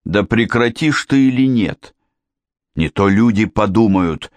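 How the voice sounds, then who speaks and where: A man voicing an irritable, blustering middle-aged father in an audiobook, speaking gruffly and snapping. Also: deep voice, unhurried, no echo.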